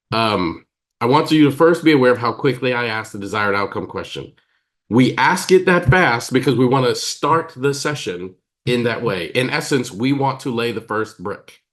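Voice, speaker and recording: A man with an American accent, giving a teaching talk as a therapist, emphatic and pausing deliberately, acting out quoted dialogue. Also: medium pitch, a bit bright. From United States. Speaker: psychotherapist and trainer.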